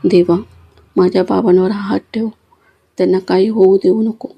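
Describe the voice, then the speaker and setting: A woman's voice: mid-range voice, little pitch movement, normal speed, gravelly, husky, muffled recording. A woman reading a young son's pleading lines to his ailing father in a storybook tale. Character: grieving young adult son.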